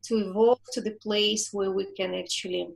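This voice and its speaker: A Ukrainian woman in her forties, a relationship coach with a Ukrainian accent, reflects on her story in an interview, often laughing and searching for words. Her mid-range voice is steady at normal speed, with vocal fry, over poor audio.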